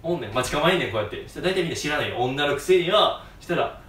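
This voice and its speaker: Young male host, lively and bright, animated fan talk, acts out scenes, distant mic in a roomy space. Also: on the high side, racing. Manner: excitable, acts out scenes in voices, laughs often.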